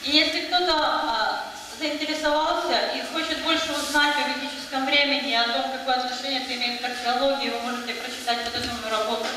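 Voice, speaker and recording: Female consecutive interpreter for a lecture. High-pitched voice, live hall recording with clear noise. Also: fairly even intonation, fast talker, few pauses. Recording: echoey hall, distant mic, noisy.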